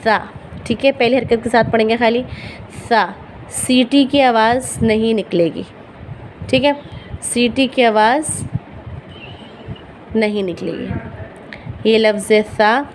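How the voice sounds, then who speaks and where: Her first language is Urdu, and she patiently teaches beginners the Arabic letter sounds needed for Quran reading, repeating each slowly. A fairly high-pitched voice comes through a rough recording marked by a little hiss or hum.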